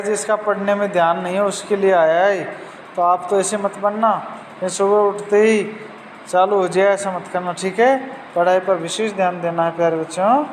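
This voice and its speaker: A man teaching a Sanskrit class, slowly repeating words and their meanings and speaking straight to his students. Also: high voice. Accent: Hindi-speaking Rajasthani. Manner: slow, repeats each word and its meaning, addresses students directly. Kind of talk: recorded class lesson. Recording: reverberant room with faint traffic noise.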